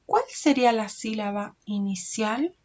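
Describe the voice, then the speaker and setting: A woman, teaching a recorded lesson to young children, slow and patient, stretching out words and checking in often. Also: on the high side, animated, a little mellow, a little hiss or hum. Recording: dull lo-fi recording.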